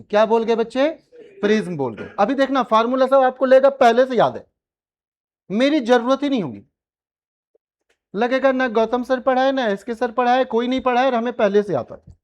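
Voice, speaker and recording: Man with a high voice, maths teacher, classroom lecture, coaxes students for answers. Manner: coaxing, teasing students for answers; mixes English phrases into speech.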